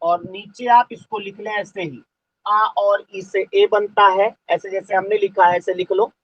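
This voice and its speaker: A male teacher giving a live online class, dictating slowly and repeating phrases for students to write down. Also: sits high, steady tone, husky, no echo. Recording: dull lo-fi audio.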